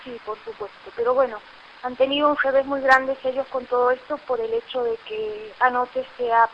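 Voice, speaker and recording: A woman's voice: on the high side, highs cut off. Indignant Argentine woman on a hissy radio line. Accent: Argentine Spanish. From La Rioja, Argentina. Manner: urgent, indignant testimony with many fillers. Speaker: community activist. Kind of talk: recounting events in a radio interview.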